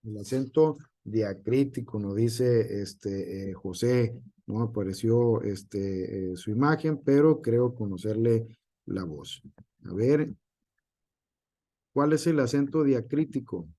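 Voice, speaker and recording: A man's voice: mid-range voice, slow pace, dark tone. A male teacher gives an online class, with frequent hesitations and filler words.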